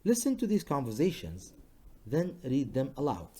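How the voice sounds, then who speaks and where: A male English teacher giving a recorded lesson to students, talking slowly and patiently and saying each example sentence several times. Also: medium pitch, huge pitch swings, mellow, slightly rough. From Libya. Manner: slow, patient, models sentences by repeating them.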